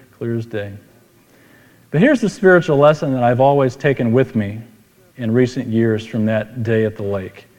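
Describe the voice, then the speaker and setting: A man's voice: medium pitch, darkish tone. A middle-aged man preaching a sermon with personal storytelling, in a folksy, conversational way, repeating phrases for emphasis. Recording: reverberant hall.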